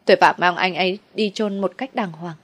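A woman's voice: fairly low pitch, steady tone, brisk, lightly acted. A woman storyteller voicing a grieving, defiant young woman who talks in hot outbursts. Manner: pleading then defiant outbursts.

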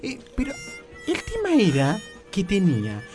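A man's voice: sits high, wildly swooping pitch, measured pace, a little mellow, soft background music. A man with an Argentine accent telling a comic story on the radio, jumping into exaggerated voices and constantly asking "¿viste?". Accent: Rioplatense Argentine Spanish. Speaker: radio comedy host.

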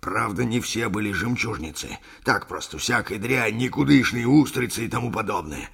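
A man reading as a gravelly old sea captain. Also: on the low side, normal speed, a bit bright, exaggerated voice. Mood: yarn-spinning. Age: older. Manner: rambling folksy storytelling, addresses listener as brother. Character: old weathered male sea captain, rambling, sentimental. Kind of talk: audiobook character reading.

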